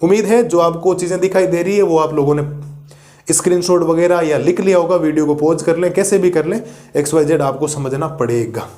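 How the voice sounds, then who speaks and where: A man's voice: fairly high pitch, brisk, warm tone. A man teaching a maths lesson to students, explaining step by step, reassuring them and asking the class rhetorical questions. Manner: reassuring and encouraging. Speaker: math teacher. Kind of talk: classroom lecture video.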